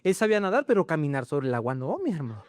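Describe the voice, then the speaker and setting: A man preaching a sermon in church, animated and full of rhetorical questions to the congregation. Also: a little high, racing, dry recording. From Chile. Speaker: pastor.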